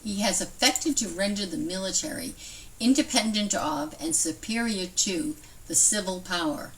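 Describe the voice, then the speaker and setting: A woman with a mid-pitched voice reads a historical document aloud. She sounds a little way off from the microphone. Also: moderate pace, a little hiss or hum. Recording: somewhat distant from microphone.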